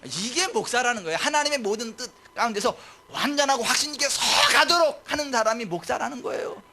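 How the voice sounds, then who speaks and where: A male pastor preaching a sermon, full of rhetorical questions, who swings from soft asides to loud shouted declarations. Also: extremely high pitch, animated, a little fast, slight background noise.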